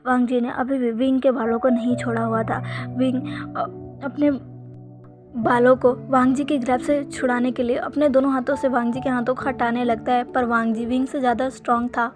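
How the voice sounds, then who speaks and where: A woman narrating a fan fiction story in a steady retelling manner. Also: high-pitched, normal speed, over music.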